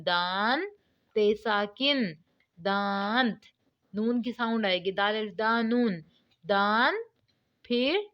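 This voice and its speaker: A woman teacher giving an online phonics lesson to young children, spelling out letters and words slowly and drawing them out. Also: a little high, lo-fi sound.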